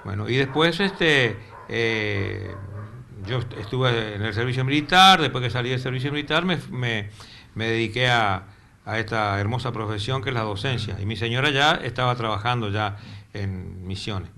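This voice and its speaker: An older Argentine man with a Corrientes accent speaks as a TV interview guest. His voice is bright and forceful at a middle pitch, and he strings his memories together loosely, often repeating words before he finds the next one. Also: normal speed, gravelly. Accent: Argentine Spanish, Corrientes. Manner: rambling, repeats words while searching for them. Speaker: retired teacher, interview guest. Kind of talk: casual interview. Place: local cable TV studio.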